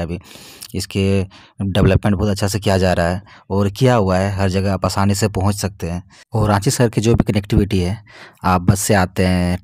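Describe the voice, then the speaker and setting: Man giving travel info, low voice, dry close sound, steady and explanatory. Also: no echo. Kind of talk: informational talk to viewers.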